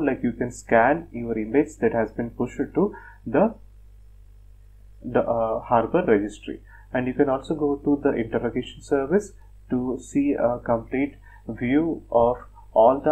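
Male tutorial narrator, mid-pitched, methodical step-by-step delivery with fillers, faint hum under the voice. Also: a little mellow, rough recording. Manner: plain, methodical, frequent "uh" and "like" fillers. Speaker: software tutorial presenter. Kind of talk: screen-recorded technical walkthrough.

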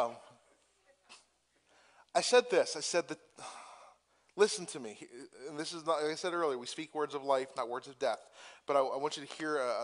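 A man preaching a sermon as pastor, moving from conversational asides with restarts to impassioned, emphatic peaks. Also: medium pitch.

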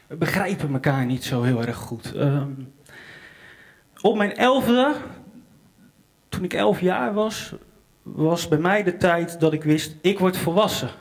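A man's voice: a little high, animated, takes it slowly. A young man on a small theater stage at an open mic night, telling a wry, self-mocking anecdote into a stage microphone. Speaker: comedian and singer-songwriter. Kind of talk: live stand-up storytelling.

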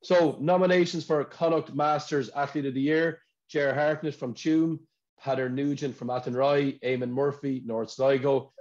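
A man's voice: medium pitch, a little mellow. An Irish man hosting an awards ceremony over a video call, chatty and often repeating words as he talks. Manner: chatty, repeats words when searching for them. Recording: dull lo-fi video call audio.

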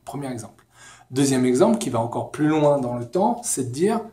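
A young man in his twenties explaining a theory in a casual lesson, lively and gesturing, with many fillers, filmed in an empty lecture hall. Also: medium pitch, fairly quick. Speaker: educational video host.

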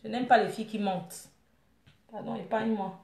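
A woman's voice: medium pitch, fairly even intonation, fairly quick, vocal fry, a little mellow, echoey room. A woman live streaming, reading out viewer comments and scolding her viewers in a rambling, teasing way. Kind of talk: casual live stream chat.

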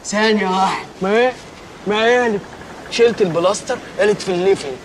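A man's voice: high voice, fast talker, background noise. A man with an Egyptian accent acting in a slapstick film comedy, blustering and mock-outraged. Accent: Egyptian Arabic. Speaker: comic film actor.

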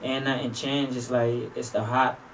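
A young man with a Haitian accent speaks in a calm, unhurried way, answering questions briefly from a small radio studio. His voice sits a little back from the mic, with a faint hiss of room noise behind him. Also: medium pitch, recorded from a distance, rough recording. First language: Haitian Creole. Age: 20s. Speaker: guest rapper. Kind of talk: casual interview chat. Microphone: studio boom mic.

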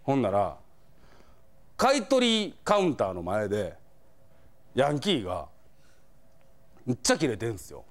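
A man's voice: medium pitch, a little slow, pauses often. A man with a Kansai accent telling funny stories as a comedian, acting out the scenes as he goes. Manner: animated, acts out scenes, chuckles through punchlines. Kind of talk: comic storytelling monologue.

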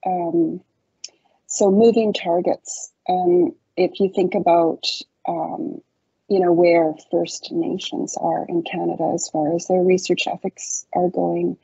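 A low, gravelly woman's voice, mellow and a little husky, speaks with measured care. She presents research on a video call. The audio is dry and dull, like a lo-fi call. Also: level tone, no echo. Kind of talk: presentation, then panel discussion.

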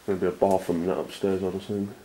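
Deep-voiced crude man. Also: flat delivery, fast, dark tone, a little hiss or hum. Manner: joking, crude, swears freely. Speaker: urban explorer. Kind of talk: casual banter while exploring. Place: abandoned house indoors.

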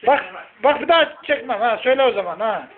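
A quick, insistent talker urges someone on in short casual prompts. The manner is impatient and coaxing, and the sound is narrow and muffled, like a phone-grade home tape. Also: medium pitch, animated, a crowd in the background. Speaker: person recording children singing on tape. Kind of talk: casual prompting and urging during a home recording.

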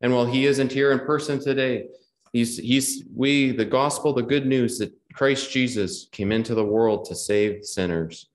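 A man's voice: medium pitch, normal speed. A man preaching a gospel sermon in a hall, earnest and repetitive, quoting scripture in old wording. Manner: earnest, repeats key phrases, quotes scripture in old wording. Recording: echoey hall.

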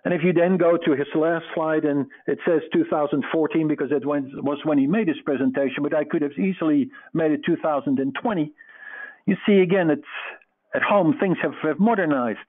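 Middle-aged Dutch man, webinar presenter, slightly high voice, earnest with fillers, tinny phone-quality audio. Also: brisk. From Netherlands. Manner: earnest, explanatory, many fillers. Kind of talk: webinar lecture over slides.

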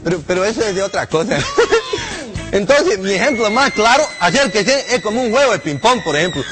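A man's voice: sits high, animated, brisk, over music. A man playing an old delivery-room assistant, rambling and swearing as he complains, laughing at his own jokes. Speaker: comedian doing a character monologue. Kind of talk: comic character monologue to camera.

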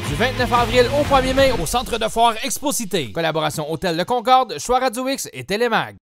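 Punchy high-voiced ad announcer. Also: male voice, expressive, fairly quick, music in the background. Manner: punchy, promotional. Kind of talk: radio-style event advertisement.

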